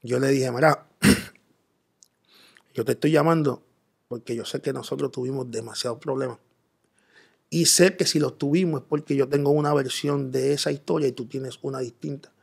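A man's voice: medium pitch, steady tone, moderate pace, creaky, long pauses, husky. A man telling an earnest personal testimony as an interview guest, quoting himself in dialogue.

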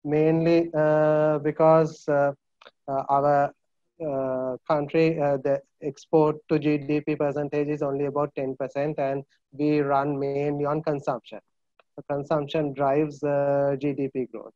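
A man with a Sri Lankan English accent, an analyst on a video call panel, speaking haltingly with many filler sounds. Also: on the high side, a little mellow, no room sound. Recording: muffled video call audio.

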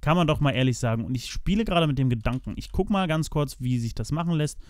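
A man's voice: on the high side, animated, quick pace, no echo. A young man casually commentating his building in a block game, thinking aloud and chatting to viewers as his friends. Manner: chatty, talks to viewers as "meine Freunde"; thinks aloud while building, frequent restarts and fillers. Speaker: let's play host.

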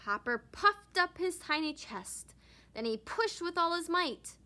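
A woman teacher reading a children's picture book aloud with expressive narration. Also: very high voice, a little slow. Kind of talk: storybook read-aloud.

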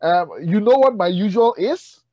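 A man's voice: high voice, animated, moderate pace, a little mellow, dry recording, highs cut off, pitched above the performer's own voice. A man voicing an exasperated male pizza customer in a joke, protesting in a raised, incredulous voice.

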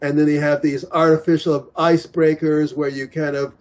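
A man's voice: a little high, flat delivery, normal speed, darkish tone. A man in his forties organizing singles events, talking in a casual video call with many restarts and fillers. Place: small room indoors. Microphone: laptop webcam on video call.

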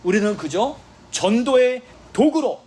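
A man with a very high voice preaches a sermon a little slowly in a church sanctuary, with a little hiss or hum audible. His animated storytelling is full of exclamations and quoted dialogue, and he calls for responses from the congregation.

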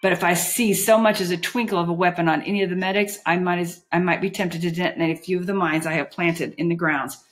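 A woman's voice: fairly low pitch, steady tone, quick pace, few pauses, natural voice. A woman doing a hulking stern bodyguard. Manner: clipped, commanding, dry. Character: huge calm menacing male bodyguard.

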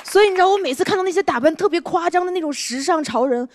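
A high-voiced woman with a lively, bouncing delivery performs a stand-up set on a large TV studio stage. She talks to the crowd conversationally, drops her punchlines deadpan, and keeps asking "you know?". Loud audience laughter and hiss sit behind her voice. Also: rapid-fire. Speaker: stand-up comedian.

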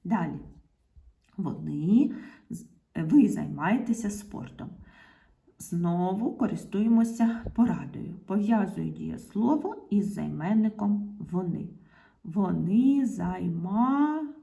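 A woman's voice: mid-range voice, lively intonation, creaky, mellow. A woman teacher, patiently explaining a grammar lesson to young pupils, sometimes dropping to a half-whisper. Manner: slow, patient explaining to children, often half-whispered asides. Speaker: primary school teacher.

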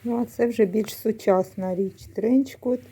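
A middle-aged woman casually vlogs about secondhand clothes inside a secondhand shop, explaining each item unhurriedly and correcting herself mid-word. Her voice is a little high, mellow and slightly rough, with a steady tone and measured pace.

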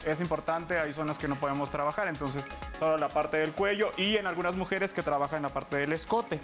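A man's voice: fairly high pitch, steady tone, fairly quick, music in the background. A man, a cosmetologist guest, plainly listing treatment areas, times and a discount. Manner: plain, informative, brief hesitations. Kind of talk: TV promo explanation. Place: TV studio set.

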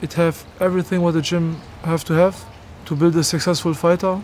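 A man in his thirties speaks in an energetic, emphatic way, his voice sitting fairly high for a man. He hosts a relaxed interview and gym review. Faint open-air noise sits behind him. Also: brisk. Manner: energetic, emphatic, animated with hand gestures. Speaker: host. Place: open-air boxing gym, then outdoor garden.

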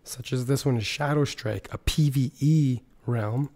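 A man hosts casual gaming commentary with a sore throat. His voice is mid-pitched and very muted in tone, hoarse and strained, at times slipping into a whisper as if nearly gone. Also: a little slow, warm tone. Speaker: gaming video host. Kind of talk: casual gaming news commentary over screen capture.

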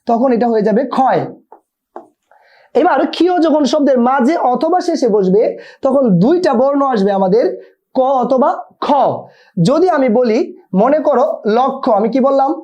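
A man's voice: extremely high pitch, warm tone. A male teacher gives an exam-prep lesson and keeps asking students to repeat words back to him. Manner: drills students with repeated call-and-response questions. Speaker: Bangla teacher. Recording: dull lo-fi recording.

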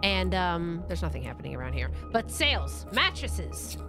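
A woman in her thirties chatting casually on a live horror game stream, exclaiming like an excitable, scared player. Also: lowish voice, normal speed. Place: indoor room, live stream. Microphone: close studio microphone on arm, headset. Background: game music.

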